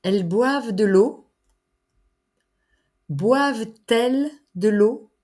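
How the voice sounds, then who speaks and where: Slow, careful French teacher, woman. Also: fairly high pitch, lively intonation, darkish tone. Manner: careful, deliberate enunciation. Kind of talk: slow, clear language lesson.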